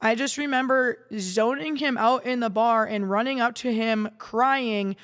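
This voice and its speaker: A woman's voice: a little high, a little slow. Rambling woman guest, reverby studio. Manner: rambling, many restarts and fillers. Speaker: guest, salon owner and darts player. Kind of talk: casual storytelling chat. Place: podcast studio.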